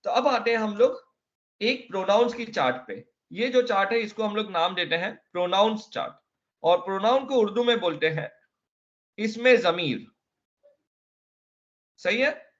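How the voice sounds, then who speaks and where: A man's voice: high-pitched, animated, moderate pace, pauses often, fairly bright tone, highs cut off. A man teaching a classroom lesson, explaining step by step and often checking that students follow. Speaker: Arabic teacher.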